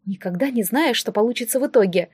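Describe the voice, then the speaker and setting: A woman narrating a first-person audiobook in an expressive, emotional storytelling manner. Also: fairly high pitch, fast, husky, dry recording, clean studio sound.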